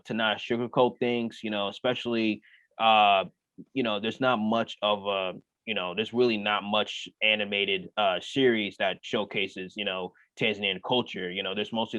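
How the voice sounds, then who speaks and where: A young American comedian answers interview questions in a relaxed way, sprinkling in plenty of "uh"s and "you know"s. His voice is on the low side. The remote audio sounds muffled and dry.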